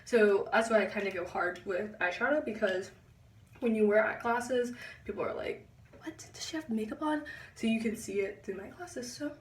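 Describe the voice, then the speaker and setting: A young woman giving a chatty makeup tutorial, pausing as she concentrates. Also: mid-range voice, darkish tone, recorded from a distance. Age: young adult. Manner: chatty, halting while concentrating. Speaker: beauty vlogger. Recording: echoey room, a bit off-mic.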